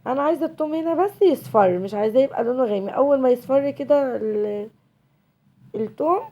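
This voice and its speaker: A woman from Egypt, suffering from a cold, chats to viewers as she cooks on her home cooking channel, with an Egyptian Arabic accent. She is a fast talker with a high-pitched, warm voice.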